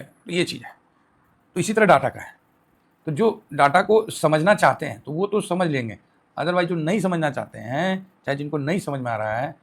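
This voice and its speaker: Chatty man, slightly high voice. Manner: chatty, explains with homely analogies, rhetorical questions to viewers. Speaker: stock market commentator. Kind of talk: casual market commentary.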